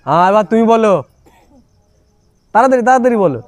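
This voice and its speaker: A man's voice: very high voice, very animated, fast talker, no echo. A man teaching a spiritual class, coaxing listeners again and again to speak up and answer. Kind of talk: leading a spiritual class with questions.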